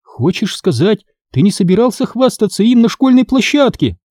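A man voicing a frightened, bossy young girl who turns shrill with panic, reading from a storybook. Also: sing-song, measured pace, no echo, clean studio sound, full character voice. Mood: alarmed. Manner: shrill, agitated shouting.

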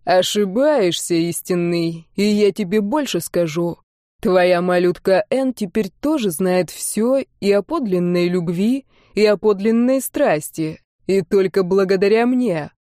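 A woman voicing a villainous male warlock duke with a hoarse voice, a slight burr and a slow, mocking, taunting delivery. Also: medium pitch, dark tone, no echo, studio quality, lightly acted. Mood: gloating.

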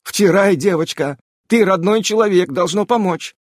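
A man reading an audiobook, voicing a commanding adult witch woman who barks sharp, scolding orders. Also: high-pitched, normal speed, dry recording, clean studio sound, pitched above the performer's own voice.

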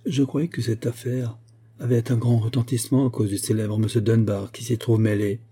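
Chatty older widow for a storybook reading, voiced by a man with a dark, husky tone lifted higher and louder. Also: flat delivery, moderate pace, natural voice. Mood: gossiping. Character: chatty older widow, gossipy and self-assured. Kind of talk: audiobook character voice.

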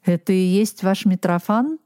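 A woman's voice: mid-range voice, expressive, moderate pace, warm tone, natural voice. Brief: woman reader as a cold aristocratic official, clipped commands. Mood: stern. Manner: curt and commanding.

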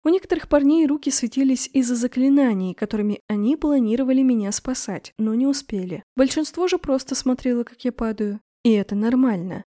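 A woman's voice: on the high side, warm tone, no echo, clean studio sound. A young woman reading a first-person fantasy novel aloud, with wry sarcastic asides. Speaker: audiobook narrator. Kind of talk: first-person audiobook narration.

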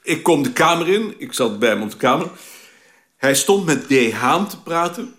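A man's voice: a little high, very animated, normal speed, a bit bright. A man narrating a radio drama and speaking as its lead character, in a wry, understated way.

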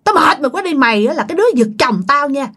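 A woman's voice: high voice, animated, very fast, fairly bright tone, voice pushed up. A woman voicing a vengeful, jealous old woman ghost possessing a man, taunting and menacing. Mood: scornful.

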